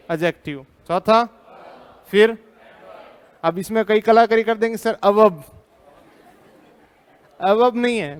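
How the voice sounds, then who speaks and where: A man's voice: sits high, smooth. An Indian man teaching a live class, drilling students with repeated questions, firm and teasing.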